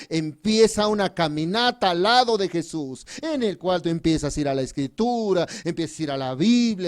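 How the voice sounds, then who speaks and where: A high-voiced man from Mexico preaching at a church retreat. He speaks fervently, stressing some phrases loudly and dropping others to a hush as he tells his own story. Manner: fervent, shifts between loud emphasis and quiet confiding asides. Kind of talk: sermon with personal testimony.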